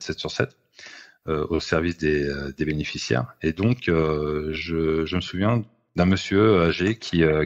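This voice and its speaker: A man in his thirties giving a testimony about his work, hesitant and full of fillers. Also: deep voice. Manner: hesitant, many fillers and restarts. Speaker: assistance worker interviewee. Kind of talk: recorded testimony. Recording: dull lo-fi sound.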